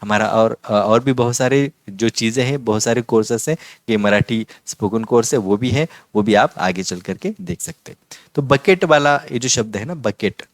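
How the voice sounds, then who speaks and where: A man's voice: medium pitch, dry recording. Patient man teaching vocabulary, dry sound. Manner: patient, repeats each word slowly. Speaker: language teacher. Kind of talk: vocabulary lesson.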